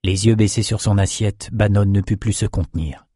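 A man reading a novel aloud as narrator in a measured, even way. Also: on the low side, husky, no echo, studio quality. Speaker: audiobook narrator. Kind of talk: scripted narration.

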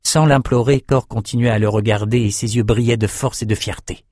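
A man narrating a dark fantasy audiobook in a measured storytelling voice. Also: medium pitch, steady tone, no room sound, studio quality.

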